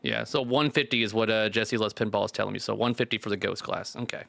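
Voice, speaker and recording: A man hosts a casual live stream with a bright, forward voice in a dry, close-sounding space. He talks informally and chattily, like he is chatting with friends. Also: on the low side, fairly even intonation, fast talker, vocal fry, dry recording. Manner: chatty, informal with occasional swearing. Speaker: host of a live pinball chat stream.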